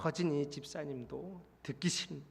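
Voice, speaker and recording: A middle-aged male pastor preaching a sermon in a church, lively, with rhetorical questions and acted-out dialogue. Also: fairly high pitch, normal speed, vocal fry. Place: church sanctuary. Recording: long church reverb.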